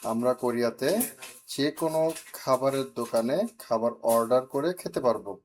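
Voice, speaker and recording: A man teaching Korean, correcting a student's reading and drilling words slowly syllable by syllable, with some teasing. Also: medium pitch, darkish tone, slight background noise.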